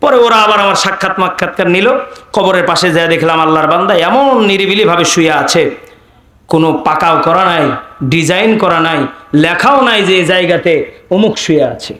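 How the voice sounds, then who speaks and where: A preacher speaking in a bright voice, narrating calmly and conversationally to a crowd. His words echo through a public-address system at an open-air gathering. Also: sits high, normal speed. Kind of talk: sermon storytelling. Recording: echoey public-address sound.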